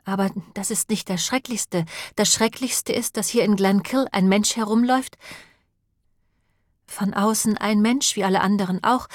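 A woman's voice: mid-range voice, no room sound, studio quality, natural voice. A woman reading an audiobook and voicing an earnest, pious village woman who talks in an urgent, brooding and preachy way.

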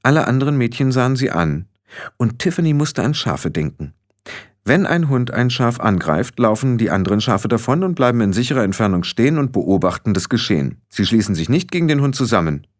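A male audiobook narrator tells the story in calm, scripted reading. His mid-range voice moves with lively, expressive intonation. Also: medium pitch, a little fast.

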